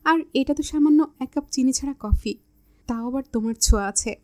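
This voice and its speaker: A woman's voice: sits high, fairly quick, a little mellow, close to an everyday voice. A woman voicing a teasing, bossy young man in love, with a smug manner.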